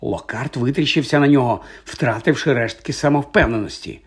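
Husky man narrating a storybook calmly. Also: mid-range voice, normal speed. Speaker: audiobook narrator. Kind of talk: scripted narration.

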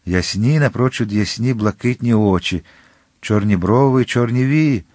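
Man doing a grave, reserved musketeer, low and steady, dry recording. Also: normal speed, no echo, lightly acted. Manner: restrained, grave.

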